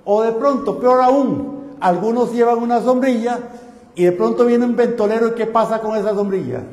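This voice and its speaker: A man's voice: extremely high pitch, moderate pace, darkish tone. Guy preaching a sermon, asks the crowd questions, roomy echoey sound. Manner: rhetorical questions to the congregation. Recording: echoey hall.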